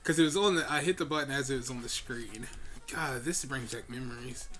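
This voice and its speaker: Giggly bright-voiced man gaming. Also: mid-range voice, fairly quick, soft background music. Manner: giggly, laughs often while joking. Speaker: co-host playing a video game. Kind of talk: casual gaming chat.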